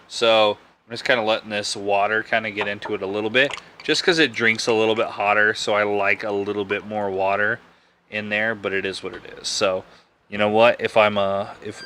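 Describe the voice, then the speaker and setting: A man's voice: fairly low pitch, pushed and bright, a little hiss or hum. A young man hosting a podcast, chatting casually and rambling a little as he reviews a drink, often correcting himself. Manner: rambling, laid-back, self-correcting. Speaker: podcast host reviewing bourbon. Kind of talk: casual live-stream chat.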